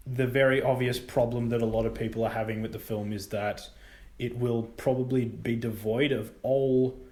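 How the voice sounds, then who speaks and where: Animated young man, roomy sound. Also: mid-range voice. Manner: animated, jumps between topics with bursts of excitement. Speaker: podcast co-host. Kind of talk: casual film chat. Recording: roomy echo.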